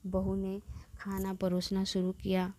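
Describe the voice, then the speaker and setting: A woman narrating a family story in a calm, unhurried storytelling manner, reading out the dialogue too. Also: mid-range voice.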